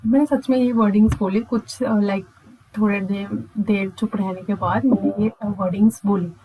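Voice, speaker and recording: A woman's voice: medium pitch, fairly even intonation, moderate pace, warm tone, a little hiss or hum, low-quality recording. A young woman telling a personal story in a casual, chatty way, mixing English phrases into her talk and acting out what happened. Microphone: mic on the speaker.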